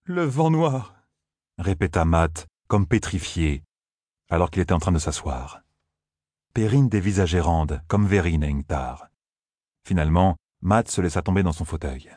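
A man narrating a fantasy audiobook in a steady, even storytelling manner. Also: low voice, moderate pace, dry recording, studio quality. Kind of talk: scripted narration.

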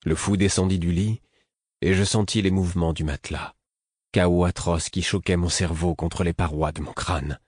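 Deep, husky male audiobook narrator. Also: fairly even intonation, normal speed, darkish tone, no echo, studio quality. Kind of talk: scripted first-person narration.

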